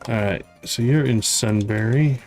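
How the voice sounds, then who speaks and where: Slightly slow and a touch mellow, a game streamer with a mid-range voice casually narrates his live gameplay to himself. His remarks are short and he repeats words as he thinks, with music underneath.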